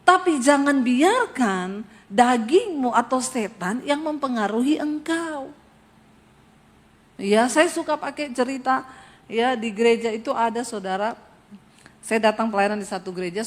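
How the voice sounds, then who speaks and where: A middle-aged woman pastor preaching an animated sermon with humor and rising emphasis in a church. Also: on the high side, unhurried. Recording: long hall reverb.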